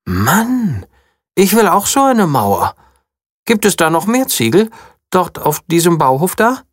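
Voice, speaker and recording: A storyteller voicing a whiny young princess in a children's story, pleading and sulky. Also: female voice, on the low side, very animated, measured pace, no room sound, studio quality, voice pushed up. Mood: eager.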